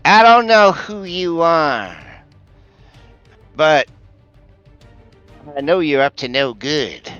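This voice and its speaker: A man's voice: fairly high pitch, lively intonation, slow pace, long pauses, fairly bright tone, smooth, dry recording, dull audio, soft background music, voice pushed up. A man voicing a menacing, taunting woman who lurks in the shadows in a tabletop game.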